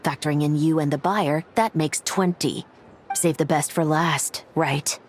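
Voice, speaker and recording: An actress playing a cool, confident patrol captain in an anime fantasy game, calm, deadpan and matter-of-fact. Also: female voice, low voice, measured pace, slight background noise. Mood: coolly menacing. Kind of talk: video game voice acting.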